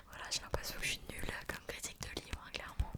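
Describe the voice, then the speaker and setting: A woman speaking in a soft, breathy library whisper, chatting informally in an ASMR book review style.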